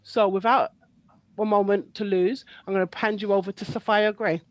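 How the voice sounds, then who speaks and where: A woman's voice: mid-range voice, steady tone, moderate pace, no room sound, muffled recording. A woman moderating an online webinar, chatty with frequent ums. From East London. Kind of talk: casual online presentation hosting. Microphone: video call.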